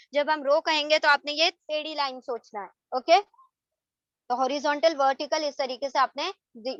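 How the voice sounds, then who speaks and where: A high-pitched woman walks students through an online Arabic grammar lesson. She explains each slide patiently, slips English terms into her sentences and keeps asking whether everyone follows. The recording is dull and dry. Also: fairly bright tone, no echo. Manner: mixes English terms into her Urdu, checks in with "theek hai?".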